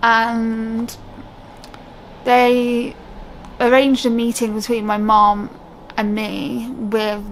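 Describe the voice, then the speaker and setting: The audio is poor and slightly noisy as a young British vlogger speaks very slowly and flatly in a high-ish voice. She's casual and unscripted, candid and rambling, and keeps breaking off mid-sentence.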